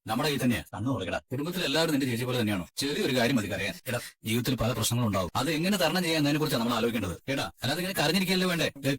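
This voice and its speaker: [name], a man playing a fast, husky tough guy. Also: mid-range voice, animated, fairly bright tone. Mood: scolding. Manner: blunt and scolding. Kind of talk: fan-dubbed drama.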